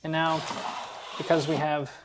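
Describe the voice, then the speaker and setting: The host of a DIY build tutorial, a man, narrates his work step by step in an easygoing, instructional way. His pitch is fairly high, his delivery flat and measured, and music plays in the background.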